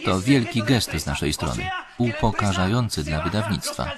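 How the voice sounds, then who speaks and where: Lively low-voiced male voice-over reader. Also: moderate pace, a loud crowd. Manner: reads every character's lines in one voice. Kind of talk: single-voice voice-over of a dubbed series. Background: series soundtrack music and dialogue.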